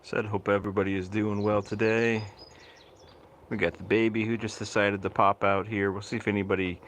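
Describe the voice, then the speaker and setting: A man with a lowish voice hosts a relaxed livestream from home. He talks easily and evenly, answering viewers' comments with frequent fillers in a voice he calls monotone. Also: brisk, slight background noise. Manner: relaxed, chatting to viewers, says his voice is monotone. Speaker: livestream host. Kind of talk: casual livestream chat. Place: home, cats outdoors.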